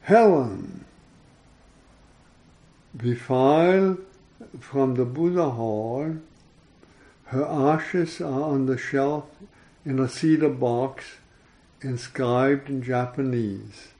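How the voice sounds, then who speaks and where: A man reads a literary story aloud at a very slow, measured pace. His voice is mellow and dark, and his delivery stays solemn and even throughout. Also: medium pitch, rough recording. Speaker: podcast reader. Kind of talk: reading literary fiction aloud.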